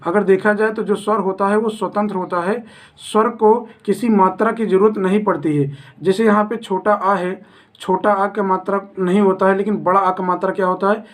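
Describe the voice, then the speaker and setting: A man teaching a grammar lesson, who poses questions to his students and answers them himself, repeating each definition slowly. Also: high-pitched, fairly even intonation.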